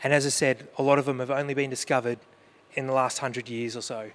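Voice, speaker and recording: A man's voice: medium pitch, level tone, fast talker, a little hiss or hum. Earnest male pastor preaching. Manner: earnest, asks the congregation questions; personal storytelling about grief. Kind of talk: sermon.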